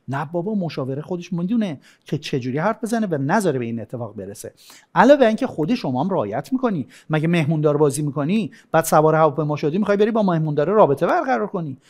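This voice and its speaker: A man gives a relaxed, conversational lecture with a fairly high voice. His pitch rises and falls a lot as he acts out little example scenes between couples. He sounds like a teacher chatting with his class. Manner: colloquial and animated, acting out little scenes. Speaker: sex educator. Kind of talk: recorded course lecture.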